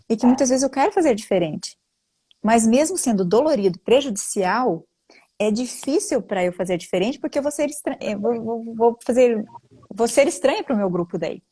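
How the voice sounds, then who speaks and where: Woman on a live stream, explaining family constellation stuff, earnest teacher vibe, pitch keeps jumping up. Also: mellow, husky. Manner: earnest, teacherly, with frequent rising pitch jumps.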